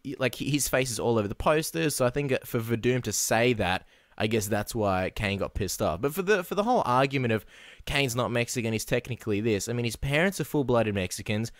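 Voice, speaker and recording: A man's voice: mid-range voice, no room sound, clean studio sound. A Polish-born man, co-hosting a casual podcast chat in a rambling, joking way. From Poland. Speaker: podcast co-host.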